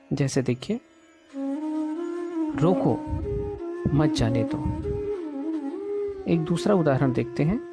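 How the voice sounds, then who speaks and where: A male teacher gives a recorded grammar lesson to children, moving through definitions and examples in an unhurried way. His pitch rises and falls a lot as he explains. Loud flute music plays under his voice the whole time.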